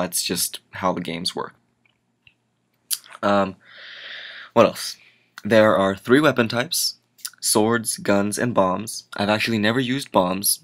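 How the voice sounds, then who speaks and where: Tired young guy with a low voice rambling through a game walkthrough, keeps going off on tangents. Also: a bit bright. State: tired, yawning. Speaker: gaming channel host. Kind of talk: casual gameplay commentary.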